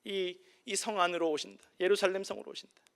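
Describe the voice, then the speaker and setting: A man preaching a sermon as pastor, swinging between soft, quiet passages and loud, impassioned cries. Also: a little high, normal speed.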